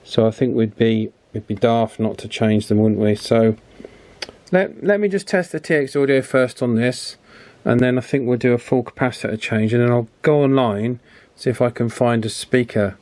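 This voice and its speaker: Talking while he works on an electronics repair, this channel host keeps up a casual, unscripted, chatty commentary full of tag questions. His voice is mid-range and darkish at a moderate pace, with no echo.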